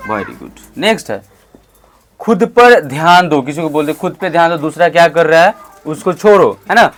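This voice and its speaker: A man teaching English in a classroom, calling out prompts loudly and saying model phrases slowly for his students to repeat. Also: fairly high pitch, lively intonation. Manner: loud call-and-response prompting, slow drawn-out model phrases. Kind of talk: classroom lesson.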